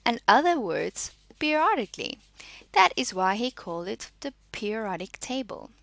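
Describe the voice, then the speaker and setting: A woman with a bright, fairly high voice and lively, varied intonation teaches a school science lesson at normal speed. She reads notes and explains exercises instructionally, posing questions and answering them herself. Her voice has a creaky edge, recorded close and dry.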